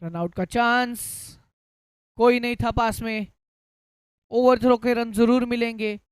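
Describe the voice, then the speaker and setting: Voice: medium pitch, steady tone, a little slow, smooth, no echo. A Hindi cricket commentator calling play ball by ball, mixing in English cricket terms.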